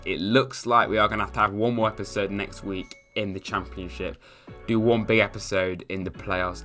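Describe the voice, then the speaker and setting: A young English man giving casual commentary over a football video game, chatty, muttering asides and cheering loudly at goals. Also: on the low side. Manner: chatty, swings between mumbled asides and excited shouts at goals. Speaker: gaming youtuber. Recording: light music behind.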